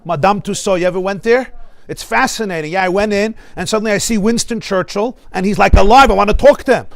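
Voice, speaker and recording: A middle-aged American man, a rabbi, teaching a lively class in a synagogue study hall, often laughing and asking the audience questions. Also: high voice, fast talker, vocal fry. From United States.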